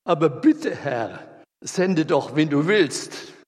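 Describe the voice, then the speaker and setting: A preacher acting out a whining, reluctant old prophet who pleads to be let off. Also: male voice, fairly high pitch, lively intonation, takes it slowly, darkish tone. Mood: pleading. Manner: pleading, whining, making excuses. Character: whiny reluctant old prophet Moses, male. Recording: reverberant hall.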